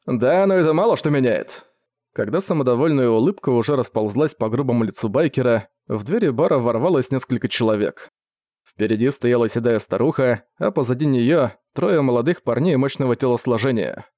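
A man reading a novel aloud as narrator, at a steady, measured pace. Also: medium pitch, dry recording, clean studio sound. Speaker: audiobook narrator. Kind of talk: audiobook narration.

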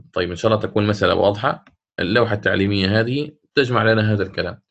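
A man with a North African Arabic accent teaching a lesson on Quran recitation rules. He explains, then slows down to recite the example words. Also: on the low side, a bit bright.

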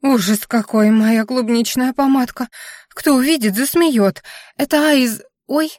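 A woman voicing a plump, tearful female cat who pours out sweet pet names in a raised, drawn-out voice. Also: a little high, dry recording, clean studio sound, pitched above the performer's own voice, close to an everyday voice. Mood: chattering. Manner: showers endearments.

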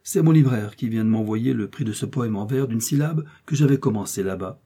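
A man reading aloud and voicing a refined young male musketeer with a gentle, distracted manner. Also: on the low side, brisk, slightly rough.

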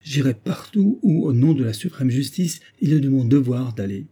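A man voicing a grave, vengeful retired colonel with a husky voice, speaking in solemn, insistent declamation. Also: mid-range voice, lively intonation, moderate pace, dark tone, voice pushed up. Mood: determined.

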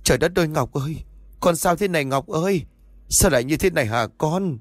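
Brief: man playing a wailing mother, raised pitch, horror audio story. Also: animated, fairly quick, dry recording, soft background music, lightly acted. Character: wailing grief-stricken mother.

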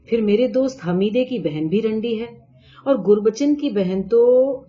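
A woman's voice: a little high, lightly acted. A woman voicing a naive, earnest young boy in a read-aloud story, eagerly counting things off. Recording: dull lo-fi audio.

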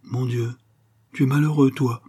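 A man's voice: medium pitch, lively intonation, moderate pace, warm tone, slightly rough. A man voicing an anxious, devoted eight-year-old girl in a storybook reading, talking earnestly and pleadingly.

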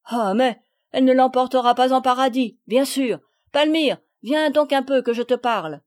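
A woman reader plays a blunt old peasant gardener in a storybook, raised and high in her voice, talking in rustic country speech. She scolds loudly, and the dry, close sound keeps every word close. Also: normal speed, dry recording, natural voice. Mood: scolding. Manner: loud, scolding, high-pitched.

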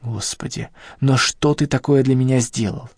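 A weary, contemptuous young woman held captive, voiced by a male audiobook reader. She speaks quietly and lower, with tired irony. The sound is dry and close. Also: steady tone, moderate pace, no room sound, lightly acted. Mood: weary, scornful. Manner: tired, scornful, ironic.

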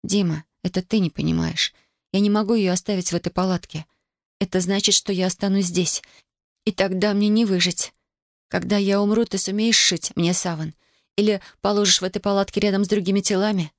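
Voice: mid-range voice, steady tone, fairly quick, creaky, no echo, voice pushed up, close to an everyday voice. A reader voicing a stubborn young woman grieving in wartime, in a dry studio audiobook recording. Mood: cold. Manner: cold, insistent, pleading. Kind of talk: audiobook character voice.

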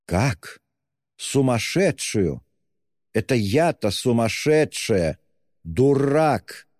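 A man's voice: mid-range voice, very animated, very slow, a little mellow, clean studio sound, pitched above the performer's own voice, full character voice. A man shrieking as a frantic, furious older woman. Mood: hysterical. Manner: screaming, hurling insults. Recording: long hall reverb.

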